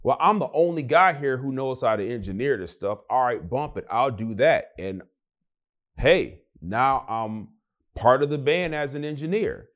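A young man telling a story in a relaxed interview, his pitch swinging widely as he slips into the voices of the people in it. He talks loosely and animatedly, with a middle-pitched voice. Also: moderate pace. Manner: animated, acts out quoted voices. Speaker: guest. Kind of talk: casual storytelling.

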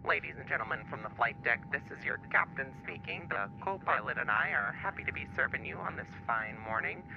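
A calm airline captain, as a man puts him on, addresses the cabin over the cockpit intercom in a mid-range voice. The sound is muffled and dull, with a steady engine rumble underneath. He talks in the smooth, practiced rhythm of a routine announcement. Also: a little fast. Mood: reassuring. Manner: smooth, formulaic announcer cadence.

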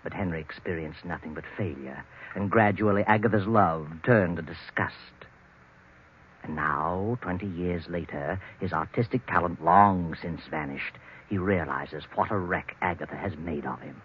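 A man playing a sinister, mocking storyteller of the night in an old radio mystery, speaking ominously and theatrically with dramatic pauses. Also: deep voice, slightly rough. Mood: brooding. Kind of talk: 1940s radio mystery narration. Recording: muffled vintage radio recording with music.

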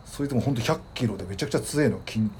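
A man's voice: mid-range voice, lively intonation, a little hiss or hum. A man from Hokkaido co-hosting a casual chat show, telling rambling stories and reading listener mail aloud. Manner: fast, rambling storytelling with soft trailing asides. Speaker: podcast co-host.

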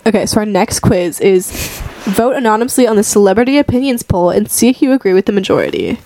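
A woman's voice: medium pitch, big pitch swings, fast talker, mellow, poor audio. A young woman co-hosting a podcast, chatting casually and reading quiz questions aloud to her friend. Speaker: podcast co-host. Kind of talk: casual chat.

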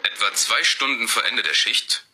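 A man narrating a scripted horror story in a measured storyteller voice. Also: on the low side, lively intonation, pushed and bright, a little hiss or hum.

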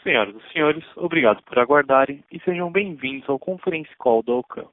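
Brisk man on a phone line. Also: medium pitch, no room sound. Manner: formal, brisk. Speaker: conference call operator. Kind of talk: scripted operator announcement.

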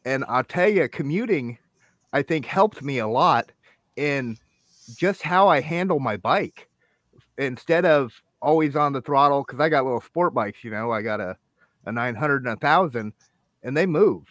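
A man in casual podcast chat who talks thoughtfully and in a measured way. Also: mid-range voice, lively intonation, a bit bright, no echo.

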